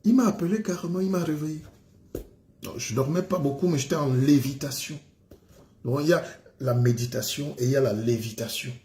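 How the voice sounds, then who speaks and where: A man's voice: fairly high pitch, brisk, dark tone, a little hiss or hum. A man hosting a live stream, delivering rambling, joking rants in a casual monologue. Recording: roomy echo.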